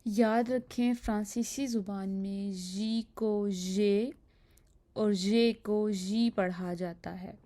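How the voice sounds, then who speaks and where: A woman's voice: mid-range voice, steady tone, slow, warm tone. A woman teaching a language lesson, explaining pronunciation patiently and step by step.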